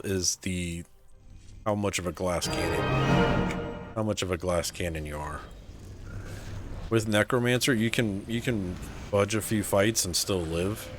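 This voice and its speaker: A man streaming a game live, chatting casually with viewers and talking through his picks with lots of "so, like" and "um". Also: deep voice. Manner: laid-back, answers chat, many fillers like "so, like" and "um".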